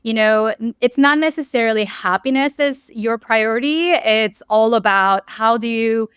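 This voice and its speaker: Smooth-voiced young woman from South Korea. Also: on the high side, normal speed, fairly bright tone, dry recording, clean studio sound. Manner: earnest, many ums and likes. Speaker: podcast guest, real estate investor. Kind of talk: casual interview storytelling.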